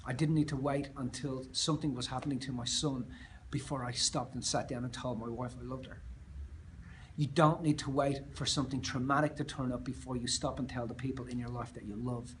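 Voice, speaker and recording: An Australian man speaking as a motivational speaker, telling a personal story in an earnest, emphatic way that often trails off softer. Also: mid-range voice, steady tone, brisk, slight background noise.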